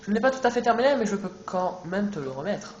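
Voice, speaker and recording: A man's voice: high-pitched, big pitch swings, quick pace. A man reading out a bored cartoon ice cream seller. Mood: weary. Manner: reads dialogue aloud plainly. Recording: echoey room, music behind.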